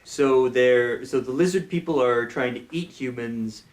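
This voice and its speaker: A man's voice: mid-range voice, a little slow, close to an everyday voice. An actor playing a flustered male TV interviewer who stammers through his questions. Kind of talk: mockumentary interview.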